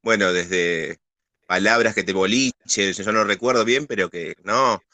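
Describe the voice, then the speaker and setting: An Argentine man with an Argentine Spanish accent joins the chat with playful, joking remarks and quick asides. His voice is bright and forward at a middle pitch, recorded close and dry. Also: dry recording. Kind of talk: casual chat.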